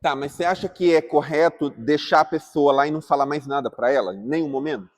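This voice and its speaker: A man's voice: a little high, fast talker. A man teaching a class at church, talking casually and asking the group questions. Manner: asks the group questions, calling on people by name. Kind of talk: interactive class talk.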